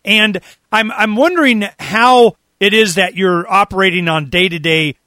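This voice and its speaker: A man hosting an interview in a casual, opinionated way, animated and given to acting things out. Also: high voice, moderate pace, dry recording, clean studio sound. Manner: animated, acts out imagined quotes. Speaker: interview host.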